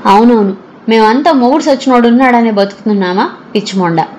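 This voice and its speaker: A blunt, earthy old village woman, voiced by a woman narrator, scolding in a loud, rough-spoken rush. She is a brash storybook character, read over faint noise. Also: on the high side, brisk, close to an everyday voice.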